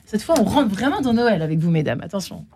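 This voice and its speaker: A woman's voice: mid-range voice, big pitch swings, quick pace, mellow, slight background noise. A woman hosting a radio talk in a studio, chatty and full of enthusiasm. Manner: enthusiastic, effusive. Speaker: radio host. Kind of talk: casual studio chat.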